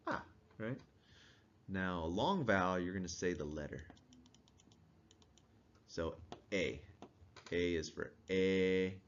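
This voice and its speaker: Man lecturing casually, lower-pitched voice. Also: slight background noise. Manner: casual, quizzes the class, chuckles. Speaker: instructor. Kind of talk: classroom lecture. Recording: dull lo-fi recording.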